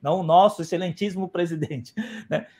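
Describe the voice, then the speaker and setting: A man's voice: sits high, brisk, warm tone, breathy edge. A man speaking as a guest on a live stream, explaining at length and often adding "né?" and restarting his sentences, over a video call microphone. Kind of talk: explanatory talk.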